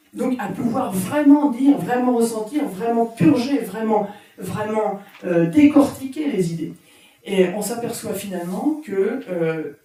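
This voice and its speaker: A woman speaks to an audience as an author presenting her book, her voice mellow and dark in tone. She talks in a halting way, starting over and repeating words. She stands well back from the microphone in a big, heavily echoing room. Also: mid-range voice. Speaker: author giving a talk. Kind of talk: conference talk. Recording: very echoey room from far off.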